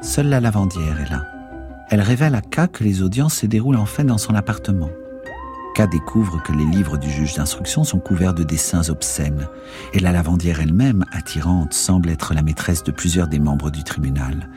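A man narrating a literary work in a measured, expressive way. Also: sits low, music in the background.

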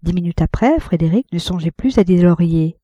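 A woman narrating a classic novel in a measured, even storytelling manner. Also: lowish voice, no room sound, highs cut off. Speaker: audiobook narrator.

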